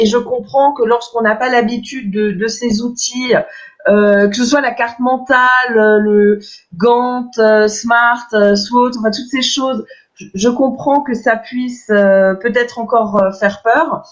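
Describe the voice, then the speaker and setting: A woman co-organizing a webinar, commenting on it in an enthusiastic, reflective way. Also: a little high. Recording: dull lo-fi video call audio.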